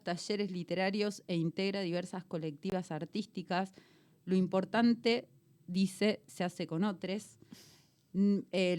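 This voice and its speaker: A woman's voice: medium pitch, darkish tone. A woman hosting a radio show, chatting casually and introducing a guest. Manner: chatty, laughs easily. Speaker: radio host. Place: radio studio.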